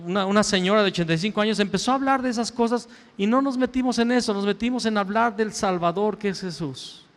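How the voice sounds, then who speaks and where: A male pastor delivers an emphatic sermon from the pulpit. His somewhat high voice swings between loud raised lines and hushed, low asides. The sound rings with the long reverb of a church hall. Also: fast talker. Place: church sanctuary.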